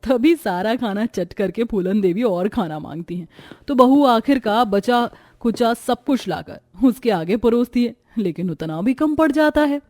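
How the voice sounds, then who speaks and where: A woman reading a scripted family story in a lively, dramatic narrating voice. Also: on the high side, a little slow, hardly any pauses, no room sound, studio quality.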